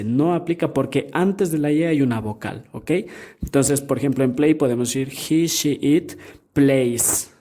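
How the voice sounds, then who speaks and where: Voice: mid-range voice, mellow. An English teacher, patiently explaining grammar to students, repeating each point and often checking that they follow.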